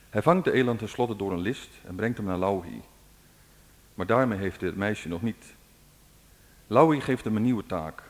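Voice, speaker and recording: A man narrating an old folk epic aloud in a measured, dramatic way. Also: on the low side. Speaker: storyteller. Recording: long hall reverb.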